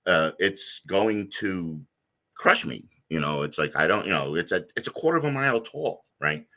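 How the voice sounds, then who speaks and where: A middle-aged man with a very deep, low voice and a bright, forceful edge. He tells his story in a loose, rambling way, full of fillers and restarts, as a guest in an interview. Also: animated, moderate pace.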